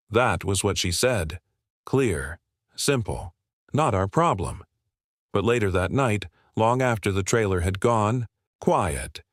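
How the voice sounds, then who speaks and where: A man reading a heartfelt animal story aloud in a measured, steady storytelling manner. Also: fairly low pitch, no room sound, clean studio sound. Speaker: narrator. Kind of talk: scripted story narration.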